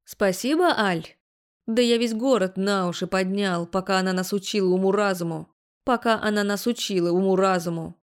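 A gruff, menacing father bristling with anger, voiced by a woman reading an audiobook. He speaks at a slightly raised pitch and pushes his lines out loudly. He comes across as sharp and confrontational. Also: steady tone, fairly quick, close to an everyday voice. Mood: indignant. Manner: gruff, threatening. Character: angry protective middle-aged father.

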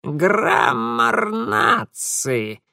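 A man voicing a hoarse, creaky female spirit creature who speaks in slow, curt croaks. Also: high voice, big pitch swings, sharp tone, no echo, clean studio sound, pitched above the performer's own voice, heavily acted. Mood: sardonic.

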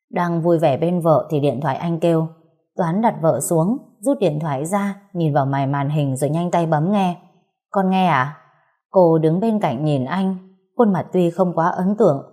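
A woman reading a romance novel aloud as an audiobook narrator. Her voice is fairly low, mellow and warm, and she keeps a calm, steady storytelling pace. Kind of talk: scripted narration.

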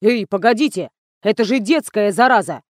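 A woman's voice: mid-range voice, lively intonation, moderate pace, darkish tone, dry recording, studio quality, natural voice. A woman reading the part of a pushy male PR man who fires off fussy questions. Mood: insistent.

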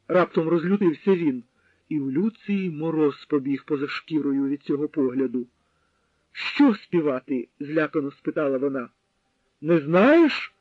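A man narrates a novel in a steady, dramatic reading voice that sits a little high. The sound is narrow and phone-like, close and dry with no room. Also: dry recording. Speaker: audiobook narrator. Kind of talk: scripted narration.

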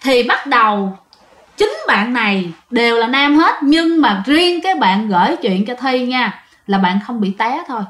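A woman's voice: fairly high pitch, very animated, a little slow, a bit bright, echoey room. A woman narrating a ghost story in a chatty way, often speaking straight to her listeners. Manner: chatty, addresses listeners directly.

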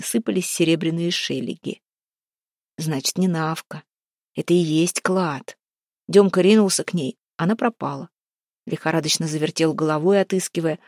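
A woman reading a folk-tale novel aloud as an audiobook narrator, with brisk, suspenseful storytelling. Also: lowish voice, darkish tone, no echo, studio quality. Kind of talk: scripted narration.

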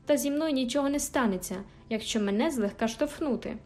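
A woman voicing a spirited, quick-tempered teenage girl in an audiobook, with emphatic, indignant outbursts. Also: high-pitched, darkish tone, close to an everyday voice. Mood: remorseful. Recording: faint background music.

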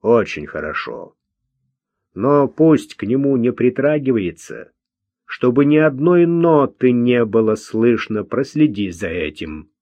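A man's voice: medium pitch, big pitch swings, a little slow, darkish tone, dry recording. A man voicing a nervous, irritable man who gives curt orders, in an audiobook. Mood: commanding. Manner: curt and commanding.

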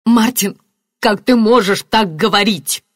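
A woman's voice: big pitch swings, a little fast, no room sound, studio quality. A woman reading an audiobook, voicing a distraught middle-aged mother who flares up and cries out. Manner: shrill, flaring up.

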